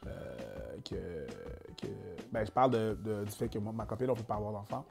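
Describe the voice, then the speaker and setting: A man's voice: fairly low pitch, moderate pace, gravelly, music in the background. A young man with a Québécois French accent, talking casually as a comedian being interviewed and slipping in English phrases. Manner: relaxed, slips in English phrases. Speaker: comedian guest.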